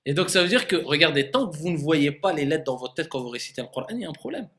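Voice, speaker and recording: A man's voice: on the high side, quick pace, fairly bright tone. A man teaching a classroom lesson on recitation, demonstrating letter sounds again and again and questioning his students.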